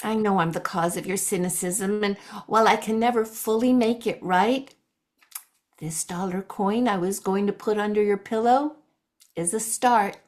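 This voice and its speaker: Woman doing a gossipy Tooth Fairy, nosy and chatty, improv comedy, mid pitch. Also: normal speed, a little mellow, natural voice. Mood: earnest. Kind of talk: improvised comic scene reading. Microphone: video call.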